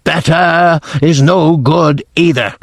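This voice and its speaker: A man doing the shrieking Grand High Witch. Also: no room sound. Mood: ranting. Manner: slow, screaming, clipped foreign-sounding syntax. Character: shrieking tyrannical female witch leader.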